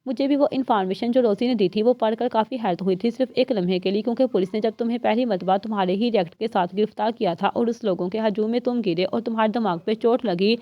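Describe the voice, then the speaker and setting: A woman's voice: a little high, hardly any pauses, dry recording, lightly acted. A woman reading the part of a defiant young secret agent in a storybook reading, accusing and unafraid. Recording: dull, slightly lo-fi dry recording.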